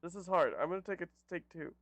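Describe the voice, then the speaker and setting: A man's voice: sits high, quick pace, fairly bright tone, a little hiss or hum. A man playing in an online tabletop game who jokes and mocks his own flubs. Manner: self-mocking, joking. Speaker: player. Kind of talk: casual tabletop play.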